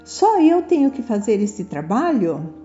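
A woman's voice: a little high, sing-song, measured pace, dark tone. A woman storyteller voicing a reluctant, complaining young schoolboy in a children's story, on a muffled recording with music behind. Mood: indignant.

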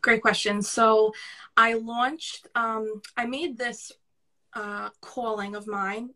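A woman's voice: fairly high pitch, little pitch movement, takes it slowly, sharp tone. A woman in her thirties with a New York accent, a podcast guest talking candidly and chattily, laughing easily and swearing casually. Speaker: podcast guest, career coach. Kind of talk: casual conversational interview.

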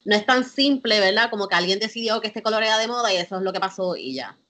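A woman's voice: medium pitch, fast talker, sharp tone. A woman interviewing a guest in a casual chat, mixing in English words. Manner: friendly, mixes in English words.

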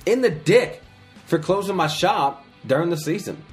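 Rowdy Boston-accented man, lively pitch. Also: moderate pace, soft background music. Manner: rowdy, profane, laughs often. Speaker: podcast co-host and tattoo artist. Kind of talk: casual profane livestream chat.

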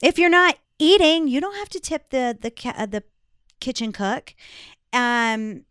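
A woman's voice: high-pitched, expressive, unhurried, a bit bright, clean tone, no echo, clean studio sound. A woman hosting a podcast in casual, blunt chat, swearing freely and laughing often. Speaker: podcast host.

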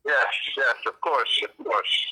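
A man being interviewed as a guest over a phone line with fuzzy distortion. He talks casually and haltingly, with fillers. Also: mid-range voice, pushed and bright.

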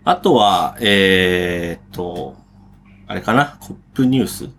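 A man's voice: low-pitched, animated, slow, a bit bright, a little hiss or hum. A man co-hosting a casual chat show, agreeable and often chipping in with short responses. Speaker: co-host of a talk show. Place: studio.

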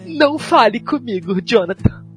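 A man voicing a heartbroken young woman from a romance film, in a shrill falsetto with melodramatic shouting. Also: animated, normal speed, faint music behind, lightly acted. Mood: hurt, angry.

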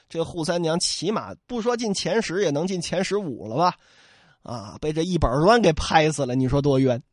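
Lively joking male storyteller. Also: a little high, no room sound, studio quality. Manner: lively and joking, with mock sound effects and asides. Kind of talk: humorous traditional storytelling.

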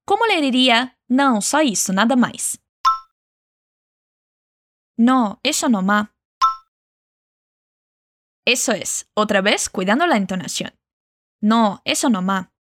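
A woman leads a language lesson, speaking slowly and carefully as she models each phrase. Her voice sits a little high. The sound is dry and close. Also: lively intonation, a bit bright, no echo. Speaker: Spanish teacher.

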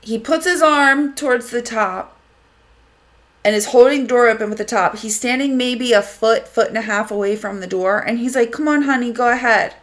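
A woman, hosting a podcast and telling a story in an animated, indignant way, swearing freely. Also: a little high, moderate pace. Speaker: podcast host. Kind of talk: casual storytelling monologue.

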